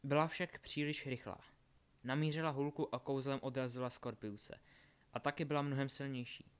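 A man narrating an audiobook in a calm, measured reading. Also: mid-range voice, clean tone. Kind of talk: scripted narration.

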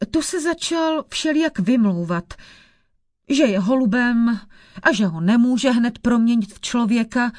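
A woman reading an old fairy tale aloud in a measured, even way. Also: on the high side, dry recording, studio quality. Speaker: storyteller.

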